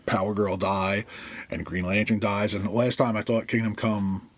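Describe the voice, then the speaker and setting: A man co-hosting a casual comic book podcast, rambling and animated, often acting out characters' lines. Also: on the low side, moderate pace. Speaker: podcast co-host.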